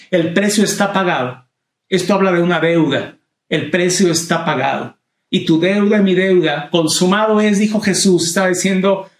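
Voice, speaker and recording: A man's voice: high-pitched, reverberant. A man preaching a Bible study sermon, repeating key phrases with emphasis and calling the listener brother. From Latin America.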